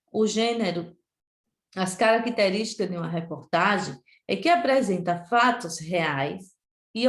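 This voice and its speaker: A woman teacher from Brazil with a Sergipe accent, giving a remote lesson to children and repeating words slowly and deliberately. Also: medium pitch, echoey room. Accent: Sergipe Brazilian Portuguese.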